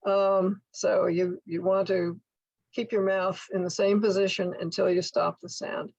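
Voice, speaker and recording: An older woman teaching in a slide presentation, speaking slowly and enunciating carefully as she models speech sounds step by step. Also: mid-range voice, little pitch movement, gravelly, a little mellow, no echo, lo-fi sound. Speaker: workshop instructor for literacy tutors. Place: indoor room at home, video call.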